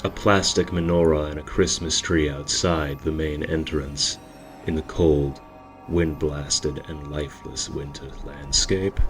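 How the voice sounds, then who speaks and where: A man with a deep, low voice reads a story in a steady, measured way. Soft music plays quietly under his narration.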